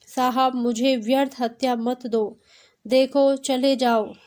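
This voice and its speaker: A woman's voice: sits high, steady tone, takes it slowly, a little mellow. A woman reading the lines of a fierce, grieving young man in a storybook tale. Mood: warning.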